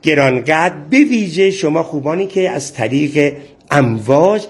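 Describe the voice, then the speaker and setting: Man, radio interviewer, husky voice, fairly high pitch, chatty, very courteous. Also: animated. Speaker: radio reporter.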